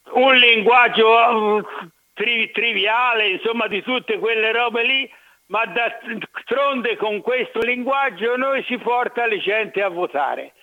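Male caller, quite high voice, heated and argumentative, tinny landline phone. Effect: over a landline phone. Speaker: radio call-in caller. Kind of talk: phone-in talk radio. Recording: narrow tinny phone line.

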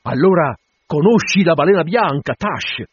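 A fierce, tormented whaling captain acted by a male narrator rallies his crew in grand exclamations. The voice is loud, raised and husky, full of obsessive command. It is an audiobook performance with a slightly dull, dry sound. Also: medium pitch, normal speed, dry recording, lightly acted. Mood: eager. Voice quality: forceful shouting delivery.

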